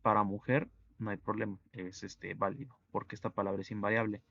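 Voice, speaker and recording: A man teaching French to Spanish speakers, explaining pronunciation slowly and methodically, letter by letter. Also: on the low side, fairly even intonation, gravelly, fairly bright tone, highs cut off. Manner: slow, methodical, spells out sounds letter by letter. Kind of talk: online language lesson.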